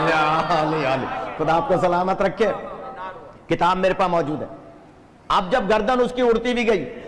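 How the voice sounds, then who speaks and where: Male preacher, high voice, lively storytelling sermon with a long hall echo. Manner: animated storyteller who often blesses the audience. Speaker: preacher at a religious gathering. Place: gathering hall. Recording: echoey hall reverb.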